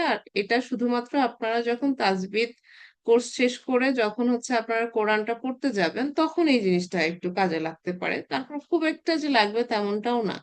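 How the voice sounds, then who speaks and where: A woman, teaching a recorded Arabic grammar class and explaining patiently, often pausing on filler words as she thinks. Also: a little high. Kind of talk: recorded online class lecture.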